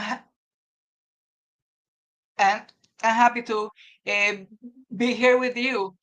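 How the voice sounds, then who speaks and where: Male doctor, higher voice, unhurried and formal, webinar guest on a video call. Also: sharp tone, rough recording. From Puerto Rico. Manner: halting, measured, formal. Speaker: physician researcher guest. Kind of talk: webinar interview.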